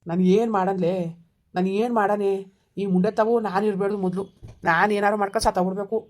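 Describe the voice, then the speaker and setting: A woman's voice: mid-range voice, steady tone, a little mellow, lightly acted. A woman acting as a weary, grumbling village father in a hobby drama. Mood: exasperated. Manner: quick, exasperated grumbling.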